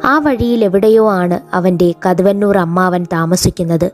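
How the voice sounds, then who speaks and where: A woman teacher reading a folk tale from a school lesson aloud in a measured storytelling way. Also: fairly low pitch, faint music behind.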